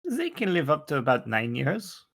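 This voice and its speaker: A man playing a tabletop role-play game, speaking in character in an earnest, gentle, formal way. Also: a little high, wildly swooping pitch, moderate pace, vocal fry, slightly rough. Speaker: player.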